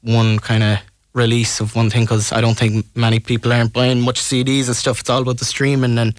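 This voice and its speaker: Clear-voiced west of Ireland man, casual. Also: mid-range voice, monotone, brisk, dry recording. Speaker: musician being interviewed. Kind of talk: casual radio interview.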